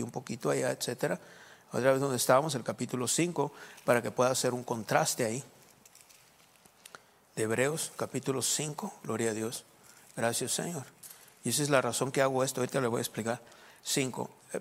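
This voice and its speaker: A man's voice: mid-range voice, in a large hall. A man preaching a sermon as a pastor, asking rhetorical questions and answering them himself.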